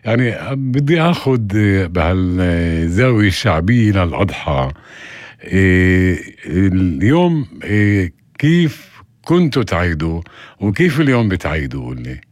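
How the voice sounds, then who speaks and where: Man, radio host, low voice, casual prodding questions, dry studio sound. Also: big pitch swings, moderate pace, dry recording. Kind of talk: radio interview.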